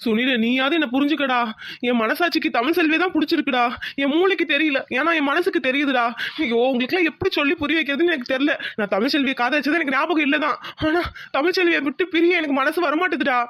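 A woman's voice: sits high, quick pace, a bit bright, no room sound. A woman voicing an earnest, lovesick young village man in a cartoon, pleading emotionally. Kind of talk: cartoon voice acting.

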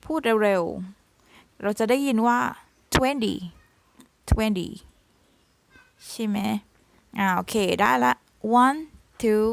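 Very slow woman teacher spelling numbers. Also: mid-range voice, gravelly, dry recording. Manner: slow, spells words letter by letter; addresses students, polite particles. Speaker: English teacher. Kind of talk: slow number drill lesson. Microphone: phone screen recording.

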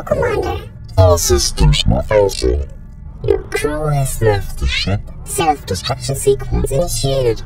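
A man's voice run through a robot voice filter, playing a cold male starship computer that announces an emergency. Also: medium pitch. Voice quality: metallic, synthetic. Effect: robot voice filter from a voice plugin.

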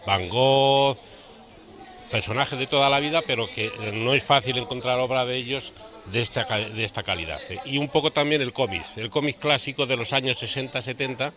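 An older man, a bookseller from Spain, explaining his stock in a street interview at an outdoor book fair stall, holding forth with fillers and restarts. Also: fairly low pitch. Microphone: handheld reporter mic.

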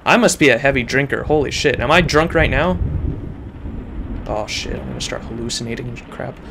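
A man's voice: mid-range voice, brisk, creaky, noisy background. A young man streaming a horror game in casual commentary, scared and jumpy, muttering and swearing often as he reacts. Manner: frequent swearing. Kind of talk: casual let's play commentary. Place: indoor room at home, webcam view. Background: game music.

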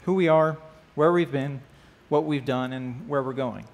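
A man speaks at a somewhat slow pace in a medium-pitched voice. During a church class lesson that begins with prayer, he stands on an indoor stage with band gear around him and keeps the tone casual. He frequently turns questions back to the class and leans on "right?" and "uh."

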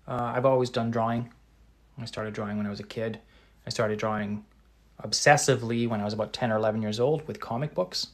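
Fielding questions from a live chat, this Canadian man in his thirties, a painter, keeps things easygoing. His mid-range voice moves briskly, full of ums and restarts as he thinks aloud, though certain words come out very crisply.

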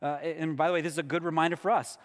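A man with a slightly high voice preaches a sermon to his congregation. He reads scripture aloud and then unpacks it plainly, at times stumbling and restarting. His voice rings out with a long reverb in a church sanctuary. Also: flat delivery, racing. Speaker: pastor.

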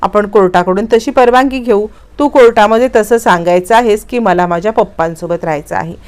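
A woman voicing a calm, caring husband and father in a story recap, with a gentle, reassuring manner. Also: medium pitch, brisk, natural voice. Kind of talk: read-out dialogue in a story recap.

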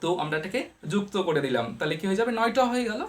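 A woman's voice: mid-range voice, big pitch swings, racing. A woman teaches English pronunciation in a patient lesson. She poses questions to her viewers and answers them herself. She explains each rule with everyday family comparisons.

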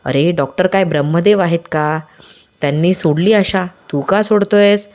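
The storyteller voicing a mysterious old beggar who is a calm holy man, speaking with gentle teasing. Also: mid-range voice, moderate pace, lightly acted.

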